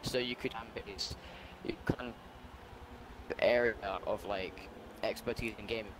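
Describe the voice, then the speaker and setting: A man chatting casually over a voice call, his mic cutting out and lagging so his words come through in broken, halting pieces. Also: fairly low pitch, fairly even intonation. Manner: halting, fragmented phrases. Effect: mic cutting out, lagging and breaking up. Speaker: friend on a voice call. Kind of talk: casual chat over a gaming stream. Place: at home. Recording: noisy call mic with dropouts.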